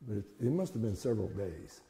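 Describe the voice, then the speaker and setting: Gravelly, mellow older man, echoing room. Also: fairly low pitch, expressive, fast talker. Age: older, 70s or above. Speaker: interviewee recounting childhood memories. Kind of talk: conversational oral-history storytelling. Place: reverberant indoor room. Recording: echoey room with long reverb.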